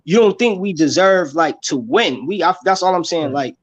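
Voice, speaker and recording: Man, about thirty, from upstate New York, high voice, frustrated podcast chat, says "bro" a lot. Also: lively intonation, moderate pace, a little hiss or hum. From Rochester, New York. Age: 30s. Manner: frustrated, repeats "bro" often. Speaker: podcast panelist.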